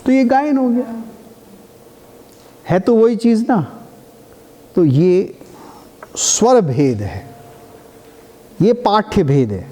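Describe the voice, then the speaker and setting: A man's voice: high voice, mellow. A man giving a classroom lecture, explaining patiently and breaking now and then into chanted demonstrations. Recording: reverberant lecture hall.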